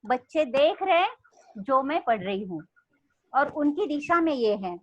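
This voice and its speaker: Lively woman trainer. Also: high voice, a little slow, highs cut off. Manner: animated, reads storybook lines aloud expressively. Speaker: teacher trainer. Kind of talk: online teacher training lesson. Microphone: video call.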